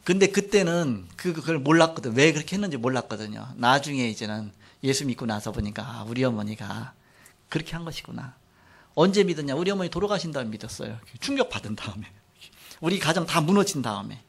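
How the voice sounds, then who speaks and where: Animated middle-aged male pastor preaching. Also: on the high side, fast. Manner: animated storytelling, acts out quotes, frequent trailing "like this". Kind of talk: sermon with personal testimony.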